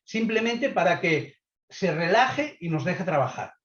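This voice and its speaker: A man's voice: high-pitched, sing-song, fairly bright tone. Man lecturing. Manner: measured advice with frequent checking tags. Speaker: webinar speaker on leadership. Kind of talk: webinar lecture. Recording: echoey, slightly dull online audio.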